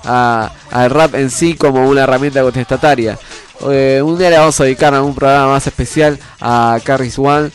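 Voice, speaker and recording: Stuffed up with a cold, this Argentine-accented radio host sounds nasal as he chats earnestly on his community show over background music. His voice is medium in pitch, steady in tone, and at a normal speed.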